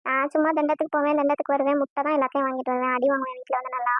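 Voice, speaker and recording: A flustered young woman from a cartoon, whiny and exasperated, played by a woman. Her voice is very high. The recording is dry and lo-fi. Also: little pitch movement, racing, no echo, natural voice. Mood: complaining. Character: fretful young woman, college-bound, easily flustered. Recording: dull lo-fi dry sound.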